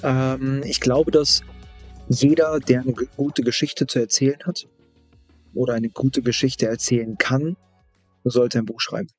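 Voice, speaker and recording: A man of medium pitch talks casually as an expert guest. His intonation stays quite flat, and he repeats phrases haltingly for emphasis. The sound is dry. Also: slightly rough, no room sound, faint music behind. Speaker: guest expert in book marketing. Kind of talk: casual interview talk.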